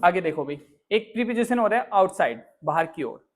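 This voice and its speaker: Male teacher in a classroom, drills words slowly, teases and scolds pupils. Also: high-pitched, big pitch swings. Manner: scolding, joking with students, repeats English words slowly. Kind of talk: classroom grammar lesson. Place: indoor classroom.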